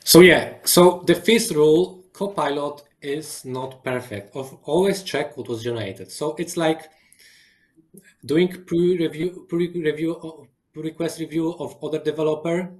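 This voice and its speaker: Speaking over a video call in a live webinar demo and Q&A, a male guest engineer who is a native Polish speaker has a fairly high-pitched voice. He often stops and restarts, and his phrasing comes out halting.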